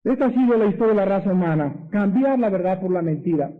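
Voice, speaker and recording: Preacher guy, high voice, firing off rhetorical questions, sounds like an old phone-line radio. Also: lively intonation, quick pace. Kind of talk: radio sermon. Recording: tinny radio broadcast.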